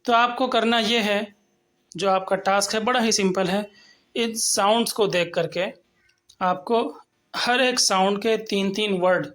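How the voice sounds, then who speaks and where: A man teaching English pronunciation, explaining step by step and slowly sounding out example words. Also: sits high, steady tone, a bit bright. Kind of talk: lecture on phonetics.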